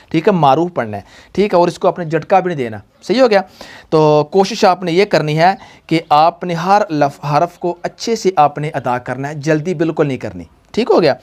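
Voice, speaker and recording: A man's voice: a little high, a little mellow. A young man teaching a tajweed lesson, patient and repetitive, quizzing his pupils. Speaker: Quran reading teacher.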